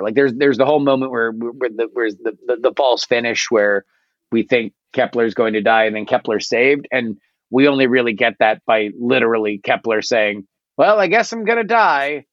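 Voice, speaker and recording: Male judge, halting casual critique, dry lo-fi audio. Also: steady tone, dry recording. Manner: hesitant, many restarts, acts out lines in a high voice. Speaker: podcast contest judge.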